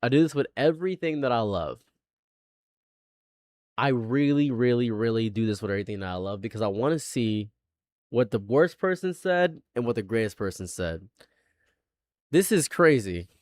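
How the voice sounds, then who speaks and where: A man's voice: medium pitch, lively intonation, normal speed, pauses often, no echo. A man in his late twenties, a live streamer chatting casually, rambling and repeating himself, laughing often. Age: late 20s.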